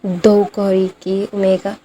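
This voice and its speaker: A woman's voice: mid-range voice, flat delivery, slow, dark tone, slight background noise, natural voice. A woman voicing a harsh, disapproving old grandmother who rants with scorn. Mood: scornful. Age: older. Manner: scornful, ranting.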